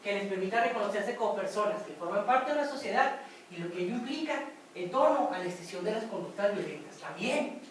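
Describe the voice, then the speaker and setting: A woman's voice: mid-range voice, animated, brisk, slight background noise. A woman giving a workshop lecture to students, chatty and often checking with her listeners. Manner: conversational, asks for confirmation. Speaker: workshop instructor. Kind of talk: classroom lecture with storytelling. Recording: very echoey room from a distance.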